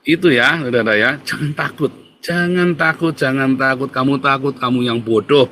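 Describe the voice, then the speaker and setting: A man in a bright, sharp voice. He rants directly at his viewers, repeating his points again and again with defiant emphasis and an occasional laugh. A faint hiss of background noise sits under his voice. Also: mid-range voice, normal speed. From Indonesia. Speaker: vlogger. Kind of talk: ranting monologue to viewers. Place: abroad, not the pictured home country.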